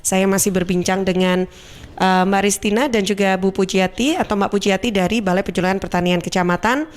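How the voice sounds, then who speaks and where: A woman radio host talks in a casual, chatty and inviting way. Her voice is mid-pitched and very smooth and clear. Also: fairly even intonation, a little fast. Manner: chatty, inviting listeners to join in. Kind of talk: casual radio talk show hosting.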